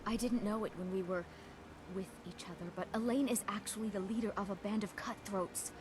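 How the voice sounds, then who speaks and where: A woman's voice: medium pitch, steady tone, brisk, close to an everyday voice. An actress playing a bitter, vengeful jilted woman in a fantasy video game, with intense, emphatic phrasing. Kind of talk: dramatic video game voice acting. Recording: game audio with clear background noise.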